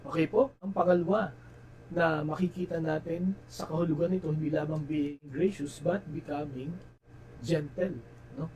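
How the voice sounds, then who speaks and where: A man's voice: a little mellow, low-quality recording. Filipino male pastor, sermon delivery, tenor-leaning voice, faint ambient noise in the recording. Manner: Tagalog-English code-switching, tag "no?" after phrases; slows and drops his voice for key phrases, rises in pitch and volume elsewhere.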